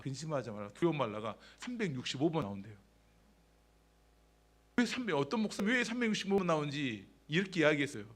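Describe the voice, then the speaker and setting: A male pastor delivers a sermon in a church, talking to his congregation as if in conversation and peppering it with rhetorical questions. His voice sits fairly high and leaps around with great animation. He jumps between loud, emphatic lines and quiet, low asides.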